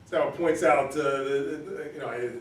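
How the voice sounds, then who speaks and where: In a church room, a man with a fairly high voice leads an informal Bible study at a moderate pace. He explains things conversationally, repeats words, and keeps checking in with "right?". The recording is distant and echoey, with a faint hiss or hum.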